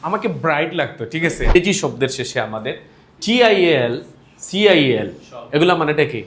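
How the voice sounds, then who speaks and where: A man's voice: on the high side, animated, moderate pace, a bit bright, slight background noise. A man teaching English pronunciation to a class, leading call-and-response drills, asking questions and laughing often. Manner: leads students in repeating words, asks questions, laughs often. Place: classroom with students. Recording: echoey classroom with a crowd of students. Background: students repeating in chorus.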